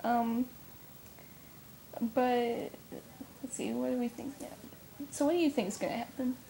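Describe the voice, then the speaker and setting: A woman's voice: fairly high pitch, fairly even intonation, moderate pace, creaky, mellow, a little hiss or hum. Giggly young woman chatting casually. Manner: rambling, giggly, speculative. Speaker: comic fan co-host. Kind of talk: casual chat.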